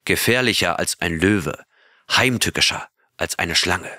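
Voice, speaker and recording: An earnest male astronaut recounting his adventure to his crew in an audiobook, read by a man. His voice sits very low yet sounds forceful and bright, and it is recorded dry and close. He draws his listeners in with questions as he goes. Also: unhurried, dry recording, heavily acted. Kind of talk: audiobook reading of a character's tale.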